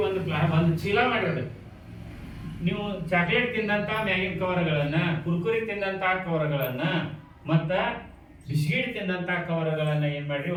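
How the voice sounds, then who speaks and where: A teacher, speaking to schoolchildren in class and coaxing them with questions. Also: mid-range voice. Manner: questioning, coaxing children to answer. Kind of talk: classroom talk to children. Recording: very echoey room, distant mic, faint noise.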